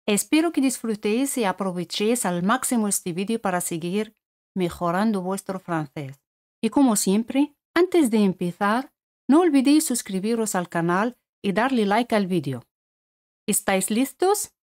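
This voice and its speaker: Slow, clear Spanish woman teaching French. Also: mid-range voice, darkish tone. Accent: Spanish from Spain. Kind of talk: scripted language lesson.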